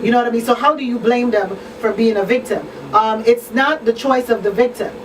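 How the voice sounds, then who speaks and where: A woman with a fairly high voice hosts a community radio talk show in a studio, speaking a little fast. In this casual panel chat she talks earnestly and repeats her points for emphasis. The mic sits at a distance, and background noise is clearly audible.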